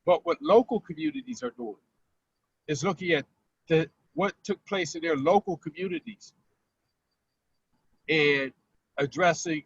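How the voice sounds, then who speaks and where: A male talk-show caller on speakerphone in his car explains the facts, going back over key figures more than once. His slightly rough voice sits on the high side, expressive and measured, with frequent pauses. The phone audio is muffled.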